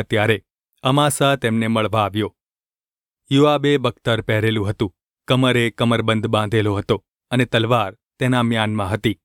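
A man reading scripture aloud in a steady, measured manner. His voice sits in a plain middle pitch, and the sound is dry and close, with no room echo. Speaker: scripture reader.

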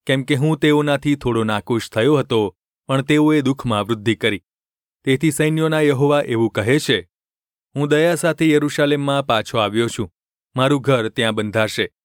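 Male scripture reader, measured even delivery, dry studio sound. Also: medium pitch, no room sound. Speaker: Bible reader.

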